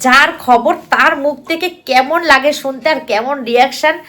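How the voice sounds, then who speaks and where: This young woman has a high voice and a fairly bright tone, speaking at a moderate pace. She chats casually with her vlog audience, talking to them directly and filling her speech with plenty of fillers.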